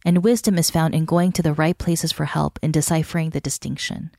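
A woman narrating a devotional article as a scripted reading, in a calm, even voice. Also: deep voice, fairly quick, creaky, no room sound, studio quality.

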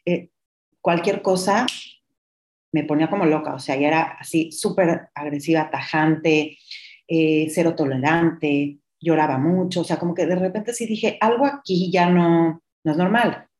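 A middle-aged woman speaks as a podcast host, sharing a personal story in a reflective, confessional way. Her voice sits a little low, and she now and then drops English words into her speech. The recording carries a noticeable roomy echo. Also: darkish tone.

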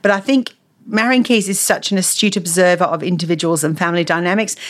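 A woman's voice: lowish voice, steady tone, quick pace. A woman reviewing a novel in casual chat, enthusiastic and talkative, with the odd small laugh. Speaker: book reviewer.

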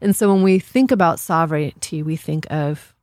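A woman speaking as a podcast guest, explaining things in a casual, thoughtful way with some halting phrasing. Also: deep voice, a little mellow, no room sound, clean studio sound. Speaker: podcast guest, women's Bible study teacher.

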